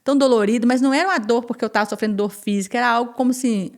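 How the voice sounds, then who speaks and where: A woman guest on a podcast, telling her personal testimony in an animated way, repeating phrases and acting out what others said. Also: a little high, racing. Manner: animated, repeats phrases and acts out quoted speech.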